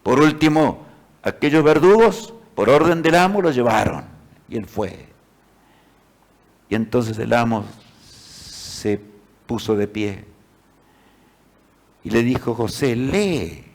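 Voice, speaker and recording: A man's voice: mid-range voice, slow, long pauses. Dramatic male preacher. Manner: dramatic, swinging between loud and hushed; addresses listeners as brothers. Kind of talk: sermon.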